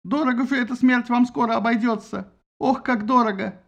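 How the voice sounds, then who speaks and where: A man playing a shrill, shouting old king. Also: a little fast, gravelly. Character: old grieving king, grumpy and hysterical.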